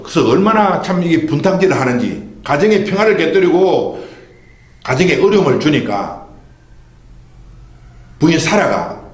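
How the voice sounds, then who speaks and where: Pastor, male, fairly high voice, lively swinging delivery, rhetorical questions, reverberant sanctuary. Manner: preaching with rhetorical questions and call-and-response. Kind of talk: Sunday sermon. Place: church sanctuary. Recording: echoey church hall.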